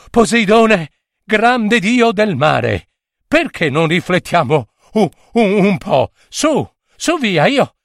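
A man voicing a frightened young woman who stammers breathlessly as she pleads with a god, cheeky even in her panic. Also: high-pitched, no echo, clean studio sound, voice pushed up, full character voice.

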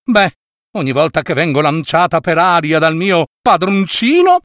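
A man's voice: on the high side, animated, normal speed, fairly bright tone, no echo, clean studio sound. A man voicing a polite, slightly prim little princess ball in a storybook.

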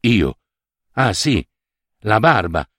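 Guy doing a sad old groom, low and glum, halting. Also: sing-song, a bit bright, no echo, studio quality, heavily acted. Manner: glum, hesitant. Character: gaunt, sad older bridegroom.

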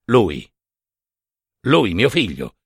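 A man voicing an old peasant father, seething with restrained fury that breaks into shouts, in a dramatized story reading. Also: lowish voice, wildly swooping pitch, drawn-out words, breathy edge, dry recording, studio quality, pitched below the performer's own voice, full character voice. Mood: indignant.

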